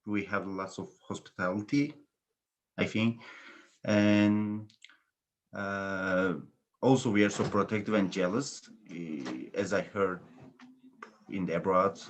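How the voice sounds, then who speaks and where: A man, a student introducing himself hesitantly on a video call. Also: deep voice. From Turkey. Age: 20s. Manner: hesitant, many restarts. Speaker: aviation student.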